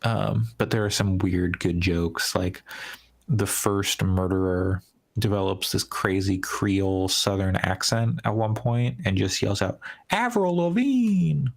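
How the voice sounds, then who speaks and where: Low gravelly man rambling about games. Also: fairly even intonation, a little slow. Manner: rambling, heavy use of "like", trailing restarts. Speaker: podcast co-host. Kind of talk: casual gaming podcast chat.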